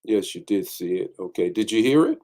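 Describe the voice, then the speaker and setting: A man's voice: on the low side, animated, brisk, mellow. A man hosting an online morning teaching as bishop, greeting viewers by name and talking with many fillers.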